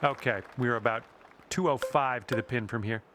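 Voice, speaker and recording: A man playing a calm golf commentator in a video game, encouraging the player directly. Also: mid-range voice, a little fast, lightly acted. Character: friendly adult male golf announcer. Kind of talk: scripted golf play-by-play. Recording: game audio with music and crowd. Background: music and crowd noise.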